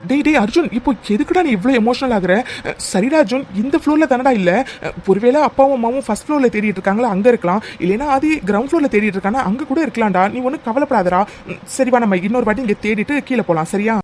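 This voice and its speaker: An actor voicing a calm young man in a cartoon who takes charge and reassures his friends. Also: mid-range voice, very fast, a little hiss or hum, lightly acted. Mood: reassuring. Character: steady young man, brotherly friend calming others. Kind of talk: cartoon dub dialogue.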